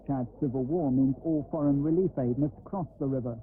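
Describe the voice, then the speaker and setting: Man narrating a documentary in a formal measured way, tinny old vhs tape sound. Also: medium pitch. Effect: worn old VHS tape sound. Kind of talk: scripted narration. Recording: tinny lo-fi old video tape, faint noise.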